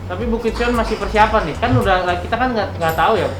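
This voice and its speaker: Pria Jakarta bicara cepat lewat masker. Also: male voice, high voice, fast talker. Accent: Jakarta Indonesian. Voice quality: slightly muffled through a face mask. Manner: chatty, informal slang. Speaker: host, interviewer. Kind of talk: casual sports chat interview. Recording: roomy echo, music behind.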